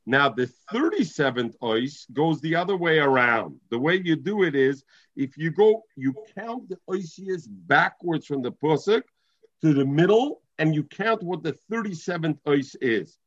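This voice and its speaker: A man's voice: fairly high pitch, expressive, measured pace, a bit bright, highs cut off. A man with a Yiddish-inflected accent teaching an informal Talmud lesson, reading and explaining, often repeating and restating phrases. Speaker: religious teacher.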